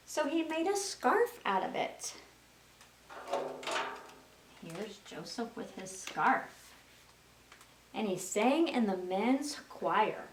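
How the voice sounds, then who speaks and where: Very animated and unhurried, this slightly high-voiced woman tells a story to little kids in a lilting sing-song, stopping to quiz them with questions. It sounds roomy and distant, with a touch of background noise.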